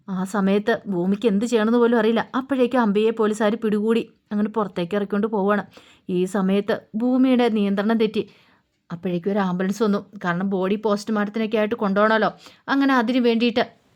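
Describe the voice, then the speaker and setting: Brief: woman storyteller, casual colloquial serial recap, fills pauses with soft hums. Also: mid-range voice, steady tone. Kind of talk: casual retelling of a TV serial episode.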